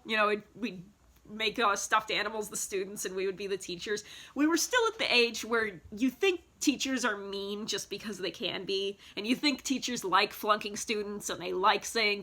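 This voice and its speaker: A woman's voice: mid-range voice, bright, forceful tone. A woman in her thirties chatting casually about childhood keepsakes, rambling with lots of fillers and restarts, recorded on a phone in a home basement. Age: 30s. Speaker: vlogger. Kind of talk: casual nostalgic show-and-tell.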